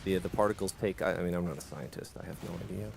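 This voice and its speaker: A man with a Canadian accent hosting a charity live stream, easygoing and quick to laugh at himself. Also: deep voice, gravelly, background noise. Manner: easygoing, laughing, self-deprecating. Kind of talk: casual live-stream chat.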